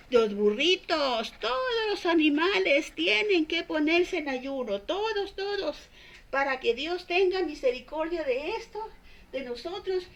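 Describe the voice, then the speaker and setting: An older woman voicing a male king who solemnly proclaims a fast, earnest and pleading, with halting repeats. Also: high-pitched, a bit bright, voice pushed up, full character voice.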